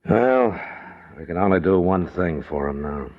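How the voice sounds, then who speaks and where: An actor playing a steady, world-weary American frontier lawman with a terse, dry, matter-of-fact way of talking, in 1950s radio western style. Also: low-pitched, a little slow. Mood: grim. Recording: muffled, noisy vintage radio recording.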